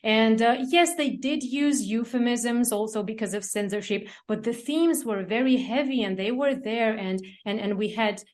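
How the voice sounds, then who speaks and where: A woman with a Romanian accent, a podcast co-host asking interview questions in a halting way, filled with uhs. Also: fairly high pitch.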